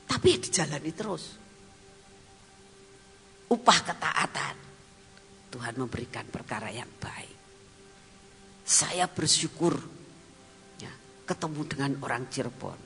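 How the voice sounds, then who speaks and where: A woman evangelist, preaching a storytelling sermon, animated and laughing, then dropping to whispered asides. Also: sits low, unhurried, pauses often, in a large hall, soft background music.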